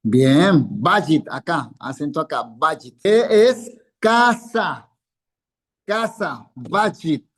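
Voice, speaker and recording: A man's voice: fairly high pitch, very animated, extremely slow. A male Hebrew teacher, giving a live classroom lesson and patiently quizzing students by name, repeating each word. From Colombia.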